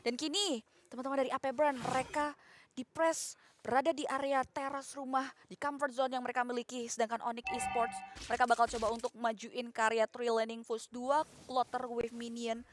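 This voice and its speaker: A woman's voice: fairly high pitch, flat delivery, moderate pace, a little hiss or hum. A woman with an Indonesian accent giving live esports commentary in long, elaborate phrases with English gaming terms mixed in.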